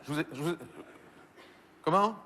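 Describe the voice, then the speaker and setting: Belgian comedian guy, high voice, stammery and bemused on a fake phone call, big hall echo. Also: moderate pace, heavy background noise. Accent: Belgian French. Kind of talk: stand-up phone sketch. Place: theater stage with audience.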